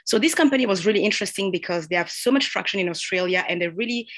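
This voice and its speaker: A woman's voice: mid-range voice, expressive, rapid-fire, no echo. A young woman from Cameroon and Madagascar presenting her venture fund on a video call, earnest, with frequent fillers and restarts. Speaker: venture associate.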